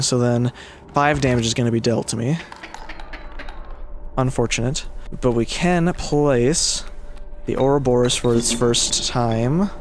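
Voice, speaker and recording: A man giving casual commentary on a game playthrough, musing aloud as he goes. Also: medium pitch. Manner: muses aloud, mildly swears. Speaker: gaming video player and commentator.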